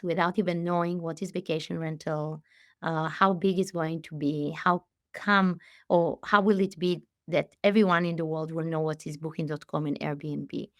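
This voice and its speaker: A woman in her late forties, originally from Israel, answering interview questions as a company head, speaking with frequent pauses, fillers and restarts. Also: fairly low pitch, no room sound, clean studio sound. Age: 40s. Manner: warm, halting, many fillers and restarts. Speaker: CEO and guest. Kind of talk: conversational interview.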